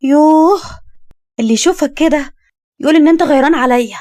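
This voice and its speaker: A woman voicing a bold, teasing young woman in her twenties, with an Egyptian accent and quick comebacks. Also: fairly high pitch, darkish tone, no echo, studio quality, pitched above the performer's own voice, natural voice. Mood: cheeky.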